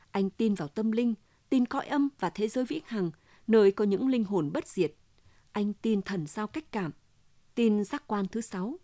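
Mellow-voiced woman narrating a story. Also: mid-range voice, no echo. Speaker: audiobook reader.

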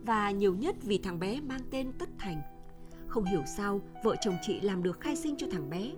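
A woman reading a novel aloud as a radio story, in a measured, even narrating manner over faint music. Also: medium pitch.

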